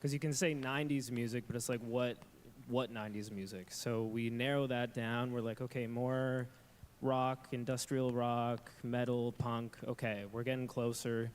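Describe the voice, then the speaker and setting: A man's voice: medium pitch, flat delivery, normal speed, clean tone. A man who composes game music, chatting casually and loosely on a convention panel. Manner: casual, rambling, plain-spoken. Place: live convention stage.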